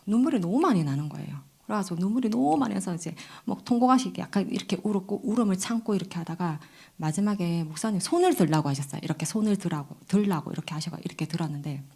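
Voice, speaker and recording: A woman's voice: lowish voice, lively intonation, fast, dark tone, husky. A middle-aged woman giving an earnest, emotional personal testimony in a church service, with many fillers.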